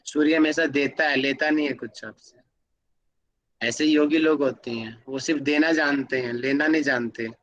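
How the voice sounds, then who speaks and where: A man teaches an online lesson, walking through everyday examples. He keeps stopping to put questions to his students. His voice sits high for a man. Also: steady tone, moderate pace, fairly bright tone, lo-fi sound. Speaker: yoga academy teacher. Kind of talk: online class lecture.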